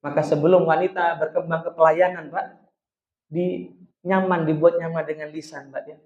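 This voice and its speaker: A man's voice: a little high, flat delivery, normal speed, darkish tone. A man, a psychologist, giving a chatty religious talk on marriage, speaking directly to the husbands and wives in his audience. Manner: chatty, addresses audience directly as sirs and ladies. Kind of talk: religious study talk to couples. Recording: echoey room, dull lo-fi sound.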